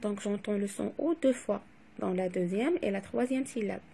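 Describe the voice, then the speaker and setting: A woman teacher slowly correcting phonics exercises, saying each word twice and spelling out letters. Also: mid-range voice, vocal fry, mellow, slight background noise. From Morocco. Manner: repeats each word twice, stressing sounds. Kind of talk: slow, clearly articulated classroom dictation.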